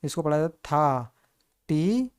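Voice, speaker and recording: Mellow teacher with a smooth voice. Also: mid-range voice, sing-song, slow. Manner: asks the listener questions, then answers them; addresses listeners as friends again and again. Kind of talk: step-by-step spelling tutorial.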